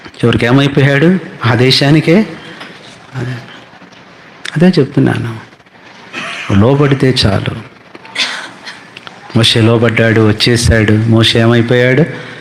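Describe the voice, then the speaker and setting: A man preaching a sermon as pastor, animated, with big swings between high and low. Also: slow pace, pauses often, a little hiss or hum.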